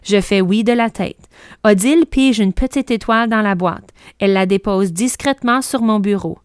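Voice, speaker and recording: A woman, a teacher reading a children's book aloud in a clear, steady way. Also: mid-range voice, normal speed, dry recording, clean studio sound.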